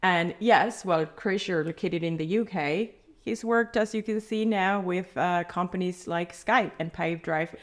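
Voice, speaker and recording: A woman with a fairly low voice hosts a podcast interview in a room with her guest. She frames her questions thoughtfully and pauses often with fillers. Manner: thoughtful, hesitant, many fillers while framing questions. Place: indoor room, in person with guest.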